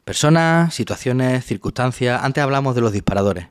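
A man's voice: medium pitch, lively intonation, normal speed, clear, resonant tone, no room sound, clean studio sound. A man, a psychologist guest, explaining a topic patiently in a webinar and often checking in with his listener.

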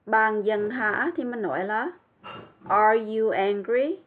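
A woman's voice: mid-range voice, slow pace. A woman teaching an English lesson, speaking carefully and repeating words for pronunciation. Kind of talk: language lesson. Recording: tinny phone-like sound.

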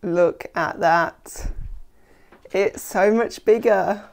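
A woman's voice: medium pitch, drawn-out words, vocal fry. Chatty woman with a lapel mic. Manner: enthusiastic, chatty, lots of ums. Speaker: home renovation vlogger. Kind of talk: casual vlog narration. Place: house under renovation, indoors.

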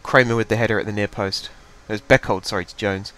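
A gaming channel host, young and congested from a head cold, sits at his home desk mic chatting about the game he's playing, rambling and thinking out loud. His fairly low voice stays steady in tone, a bit bright, and he talks quickly.

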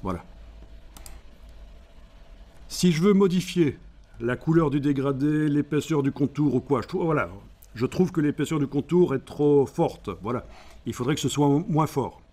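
A man speaking, explaining a software tutorial step by step and thinking aloud as he works. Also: on the high side, normal speed, long pauses. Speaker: software instructor. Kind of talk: screen-recorded software tutorial.

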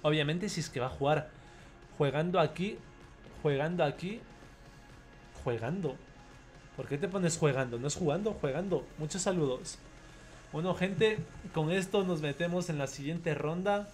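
Excitable young male streamer. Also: a little high, normal speed, faint music behind. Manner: excitable, chatty, greets viewers by name. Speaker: gaming streamer. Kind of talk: live gameplay commentary with chat shout-outs.

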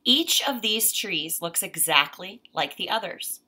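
A woman in her thirties, a mother and teacher, reads aloud to children in a small room at home. Her medium-pitched voice is expressive and unhurried with a sharp edge, and she explains things simply while often checking in with short tags.

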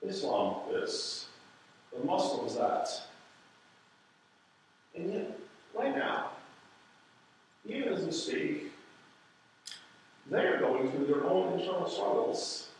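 A man's voice: fairly high pitch, expressive, slow, long pauses, slight background noise. A man, a pastor, teaching a church history class in a church, lecturing in a conversational way with wry asides and rhetorical questions. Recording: very echoey room, voice far from the mic.

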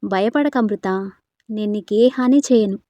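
A woman playing a gentle female ghost, soft reassuring manner, mellow tone, dry close sound, storybook. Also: medium pitch, unhurried, dry recording, lightly acted. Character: gentle protective female ghost, calm and pleading.

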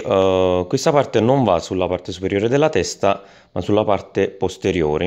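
Male gadget reviewer, deep register, halting delivery full of "eh" and restarts. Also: a little mellow. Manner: hesitant, many fillers and restarts. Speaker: tech product reviewer. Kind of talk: unscripted product review voice-over.

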